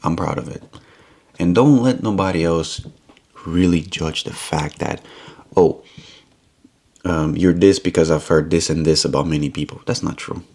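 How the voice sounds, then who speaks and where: A man's voice: deep voice, normal speed, long pauses, darkish tone. A man from Romania talking earnestly to the camera in a rambling vlog monologue, often repeating himself. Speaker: YouTube vlogger.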